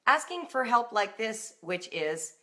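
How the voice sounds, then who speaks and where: Slow but very animated, a woman speaks in a sharp-toned voice pitched a little high. She's a middle-aged American who coaches parents and homeschoolers, hosting an informal live talk and addressing listeners directly and emphatically, like a conversation.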